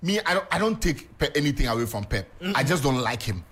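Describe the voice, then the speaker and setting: Ghanaian man with light Pidgin, lively swings in pitch and a husky edge, insistent sports debater. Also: fast talker. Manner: insistent, repeats himself. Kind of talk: heated casual football debate.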